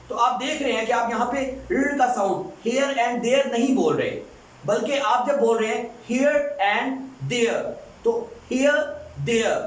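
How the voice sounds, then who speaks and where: A man teaching English pronunciation to students, explaining fast and then saying the example words slowly and drawn out. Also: extremely high pitch. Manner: switches between fast Hindi-Urdu explaining and slow drawn-out English examples. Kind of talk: classroom lecture on pronunciation. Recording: echoey room, voice far from the mic.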